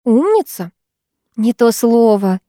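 A cooing, solemn middle-aged chemistry teacher, as a woman reads her out in a storybook. She gushes with pride in a mellow, warm tone. The sound is close and dry. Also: a little high, sing-song, slow, dry recording, pitched above the performer's own voice. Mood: gushing.

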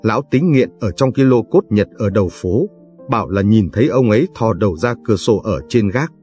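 A man reading aloud, voicing a frail, deaf, half-blind old village man who talks slowly and sounds puzzled. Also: lowish voice, expressive, a little mellow, faint music behind, lightly acted. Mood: chatty. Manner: slow and puzzled.

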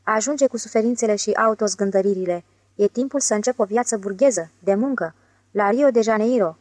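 A glib young swindler who talks his way around anyone, sarcastic one moment and wheedling the next, as a woman reading an audiobook puts him on. The voice sits at a middle pitch. It is dry and close, with no room around it. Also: darkish tone, no echo, lightly acted. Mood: cheerful. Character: scheming smooth-talking young male con man. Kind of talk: audiobook character voice.

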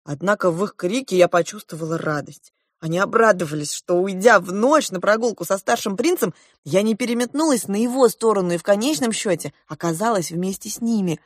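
Expressive woman reading a children's story. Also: mid-range voice, fairly quick, no room sound, studio quality. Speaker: audiobook narrator. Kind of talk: first-person storybook narration.

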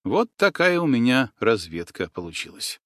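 A man's voice: medium pitch, very animated, moderate pace, a bit bright, dry recording. Guy doing a bold young shaman girl, firm and scolding, voice swinging up and down, dry sound. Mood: grim. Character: young female shaman, bold and sharp-tongued. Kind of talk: audiobook character voice.

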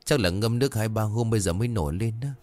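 A man voicing a calm old grandmother. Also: fairly low pitch, fast talker, soft background music, lightly acted. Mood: soothing. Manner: gentle, reassuring storytelling.

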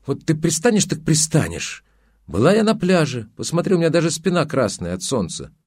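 A man reading an audiobook, voicing a spoiled, defiant young woman in a raised girlish pitch. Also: sing-song, brisk, a little mellow, breathy edge, dry recording. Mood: petulant, defiant. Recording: dry close studio sound.

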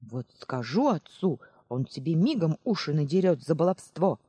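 A reader voicing a kindly, grumbling old village woman with a hoarse voice in an audiobook. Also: medium pitch, very animated, unhurried, mellow, no room sound. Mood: scolding. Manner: good-natured grumbling, scolding. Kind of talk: audiobook character voice.

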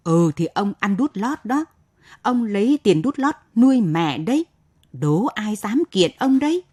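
A woman reading the part of a quarrelling man who loudly taunts his brother in a radio story. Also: medium pitch, big pitch swings, measured pace, breathy edge, dry recording, studio quality, voice pushed up. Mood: taunting.

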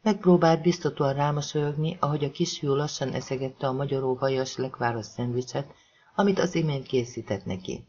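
A man reading a thriller audiobook as narrator, voicing the dialogue with shifts in pitch and loudness. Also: muffled recording. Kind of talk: scripted narration.

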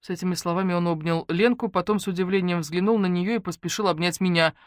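A woman's voice: lowish voice, fast, no room sound, studio quality. A woman narrating a humorous novel in first person, reading expressively and putting on voices for the characters. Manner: lively, character-voicing, ironic. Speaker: audiobook narrator.

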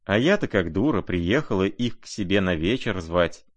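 A man's voice: deep voice, animated, normal speed, dry recording. A man voicing a scornful society woman who teases with disdainful merriment. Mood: mocking. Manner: teasing, disdainfully merry.

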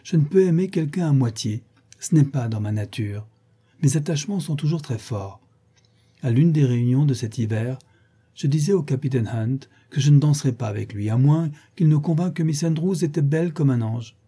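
A man reading an audiobook and voicing an effusive, gossipy young woman who flatters her friend. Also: medium pitch, moderate pace, slightly rough, lightly acted. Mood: gushing.

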